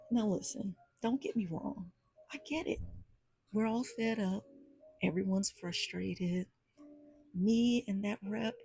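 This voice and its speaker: A woman hosting a podcast, telling a personal story in an animated, sassy way with churchy asides. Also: medium pitch, creaky, husky, no room sound, low-quality recording. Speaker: podcast host. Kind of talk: storytelling monologue. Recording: soft jazz music behind.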